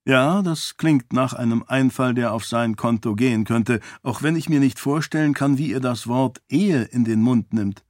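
A man's voice: mid-range voice, moderate pace, few pauses, a little mellow, no echo, clean studio sound, natural voice. A man reading a shrewd, clever man in an audiobook, speaking dryly and with probing questions. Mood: thoughtful.

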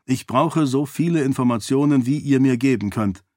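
A man's voice: mid-range voice, moderate pace, warm tone, no echo, studio quality, close to an everyday voice. Man reading a shrewd, wry man. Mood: thoughtful.

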